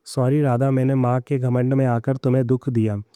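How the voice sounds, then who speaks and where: A man's voice: medium pitch, little pitch movement, moderate pace, mellow, clear, resonant tone, dry recording, studio quality, close to an everyday voice. A man voicing a tired young husband who snaps and then apologizes. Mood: earnest.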